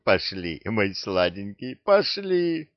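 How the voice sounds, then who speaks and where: A man voicing a sly older pirate captain who wheedles and coaxes in a gruff way. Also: lowish voice, very animated, slow, no echo, dull audio. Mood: coaxing.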